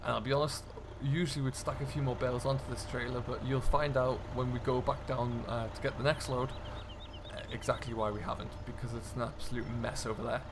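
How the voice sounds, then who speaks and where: Brisk and with few pauses, this British gaming host plays a farm contractor in a farming role-play, his mid-range voice keeping a level tone. He chats casually and thinks aloud while working, over clear background vehicle and ambient sounds.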